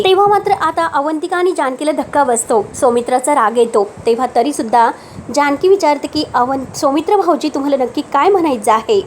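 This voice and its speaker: A woman giving a voice-over recap of a TV serial episode, retelling each line of dialogue in steady reported speech. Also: sits high, slight background noise. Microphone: voice-over recorded separately from the pictures.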